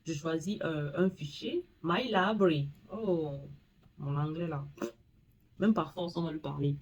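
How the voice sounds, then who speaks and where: A woman hosting a casual screen-recording tutorial, talking straight to the viewer and reading English screen text haltingly. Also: sits low, warm tone, husky, dull audio. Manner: chatty, talks straight to the viewer. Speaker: tutorial host.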